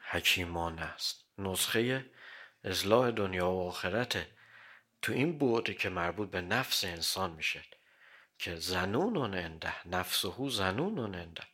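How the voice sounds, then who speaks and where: A man giving a religious sermon, quoting Arabic sayings and explaining them in everyday Persian, often clearing his throat. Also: low voice, pushed and bright. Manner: quotes Arabic hadith then explains in plain Persian. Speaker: cleric.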